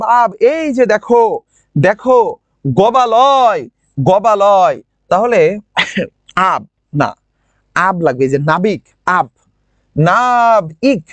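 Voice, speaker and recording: A man teaching grammar online for admission prep speaks with a regional Bangladeshi lilt, his voice sitting high and a bit bright in a dry recording. He keeps questioning his students and drills vocabulary by repeating words slowly.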